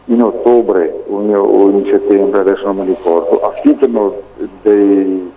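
Slow-talking male caller on a tinny phone line. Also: fairly low pitch, steady tone, slight background noise. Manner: halting, repeats words, tags "no?". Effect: over the phone. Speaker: radio call-in caller. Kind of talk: call-in opinion monologue. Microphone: telephone.

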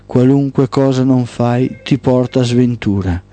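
Ancient night spirit lady, a guy doing her, solemn and slow, dark mellow voice, dry sound. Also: medium pitch, no echo, natural voice. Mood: grim. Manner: slow, solemn whispering pronouncements.

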